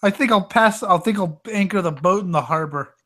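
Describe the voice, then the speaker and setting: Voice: mid-range voice, fairly quick, a bit bright. Joking tabletop game player. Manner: laughing, joking, stumbling restarts.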